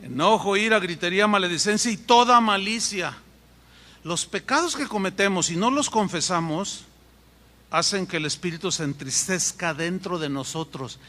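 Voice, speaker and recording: A Mexican man preaches a sermon, emphatic and fond of pausing and repeating words. His voice sits high and bright. Long hall reverb trails after every phrase. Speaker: pastor.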